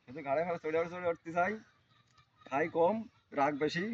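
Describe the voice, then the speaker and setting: A man, talking fast and off-mic outdoors about his cow. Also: on the high side, fairly even intonation, dull audio.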